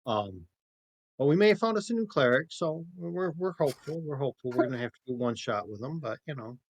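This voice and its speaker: A man running a tabletop game, chatting hesitantly and clearing his throat. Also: medium pitch, lively intonation, a little fast, no echo. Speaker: game master. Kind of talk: casual tabletop chat.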